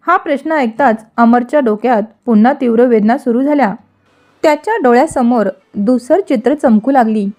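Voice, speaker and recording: A woman narrating a storybook tale in a steady, expressive way. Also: high voice.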